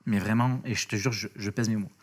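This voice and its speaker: A man speaking as an interview guest, telling a story in a casual, lively way, with slang, swearing and many restarts. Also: fairly low pitch, fast, breathy edge.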